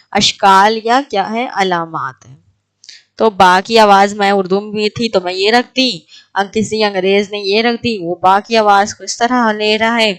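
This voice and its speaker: A woman's voice: mid-range voice, fairly bright tone, clear, resonant tone. A woman teaching an exam prep lecture, asking her class questions and then answering them herself.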